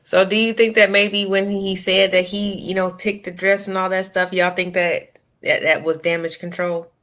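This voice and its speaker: A woman's voice: medium pitch, little pitch movement, normal speed, fairly bright tone. A woman on a casual podcast panel, talking with sarcasm, slang and many trailing restarts.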